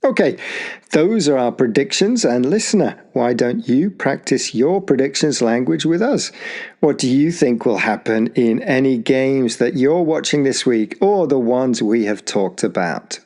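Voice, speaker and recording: A man's voice: mid-range voice, animated, unhurried, a little mellow. A man with a mid-range voice co-hosts a football podcast. He sounds chatty and upbeat and addresses the listener directly. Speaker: podcast co-host. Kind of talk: casual football podcast chat.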